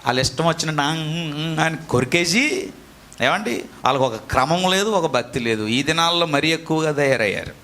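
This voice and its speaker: A male pastor delivering a sermon with a bright, forceful voice pitched a little high. He leads call-and-response with the congregation and breaks off to scold listeners. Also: expressive, a little fast.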